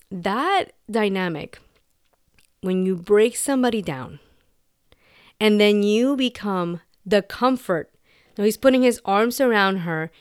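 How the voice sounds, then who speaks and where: A woman hosting a podcast, talking casually and candidly, acting out quoted lines in short animated bursts. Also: medium pitch, smooth, no room sound, studio quality. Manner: candid, animated, quotes dialogue in little acted bits. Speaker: podcast host. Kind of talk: casual commentary.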